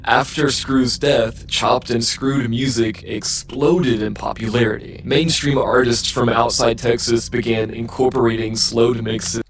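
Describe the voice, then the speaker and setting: A man narrating a documentary script in an even, measured way. His voice sits at an ordinary male pitch.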